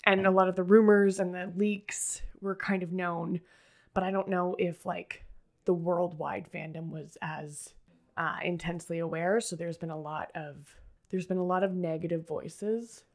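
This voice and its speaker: A woman's voice: fairly low pitch, steady tone, normal speed, a little mellow. A woman hosting a podcast, recapping a show in casual, enthusiastic chat and swearing now and then. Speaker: podcast host.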